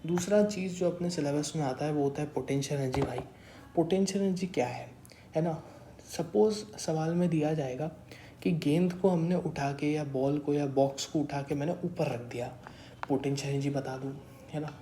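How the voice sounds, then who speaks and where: Young man, twenties, casual tutor, mellow tone, self-answering questions, echoey room. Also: a little high, fairly even intonation, moderate pace, slight background noise. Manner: asks questions and answers them himself, calls listeners brother; repeats a stock phrase of agreement. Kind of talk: casual classroom explanation. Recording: roomy echo.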